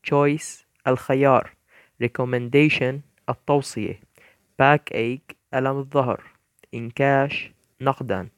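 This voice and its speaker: A man teaching English vocabulary, reading each English word and then its meaning in a measured way, with a few stumbles as he corrects himself. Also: medium pitch, steady tone, no room sound. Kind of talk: bilingual vocabulary lesson, reading word lists.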